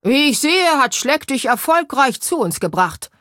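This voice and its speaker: A woman voicing a loud, booming old male ghost admiral in an audiobook story. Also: animated, normal speed, no room sound, clean studio sound, natural voice.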